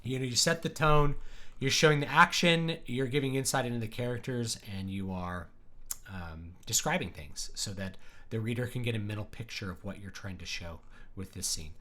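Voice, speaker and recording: A man's voice: medium pitch, moderate pace, sharp tone. A man giving a casual live-stream writing lesson, thinking aloud and stating his opinions plainly.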